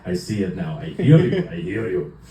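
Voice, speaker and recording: A comedian voicing his dry-humored old immigrant father, curt and deadpan in broken English. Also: low-pitched, normal speed, voice pushed down. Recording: echoey club from far off.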